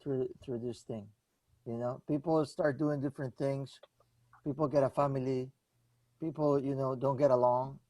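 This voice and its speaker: A man's voice: medium pitch, fairly even intonation, moderate pace, mellow, no room sound, poor audio. A man from Rica, a brass quintet member giving earnest advice and teasing his bandmates, often repeating words for emphasis. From Costa Rica. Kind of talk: casual Q&A advice.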